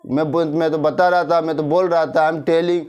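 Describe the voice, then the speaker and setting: A man teaching spoken English in a lesson, switching between Hindi and English and slowly repeating English phrases with an Indian accent. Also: on the high side, little pitch movement, a little mellow, smooth.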